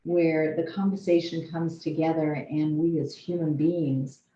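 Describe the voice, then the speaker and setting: A woman's voice: deep voice, steady tone, measured pace, warm tone. A woman hosting a podcast interview, speaking in a reflective, affirming way. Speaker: podcast host. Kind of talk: interview conversation. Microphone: video call. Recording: roomy, slightly dull with faint noise.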